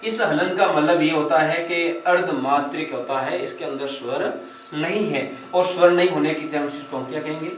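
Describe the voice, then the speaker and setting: A male teacher with a fairly high voice gives an exam-prep grammar lecture. He explains each point step by step, repeats key phrases and asks rhetorical questions. He is recorded in an echoey room with the mic set back from him. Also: normal speed, far from the mic, a little hiss or hum. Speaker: Sanskrit teacher.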